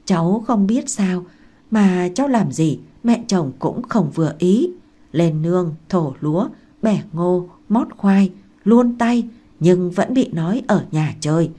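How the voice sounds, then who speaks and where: A woman reading aloud and voicing a meek young pregnant daughter-in-law who asks softly and pleads. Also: fairly low pitch, expressive, slow. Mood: pleading. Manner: soft, pleading, curious.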